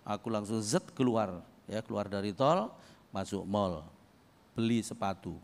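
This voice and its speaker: An older pastor from East Java, Indonesia, delivers a humorous sermon full of stories, shifting between quiet asides and loud, shouted points. His voice is creaky and lively in intonation, and he speaks a little slowly. The recording has a long hall reverb.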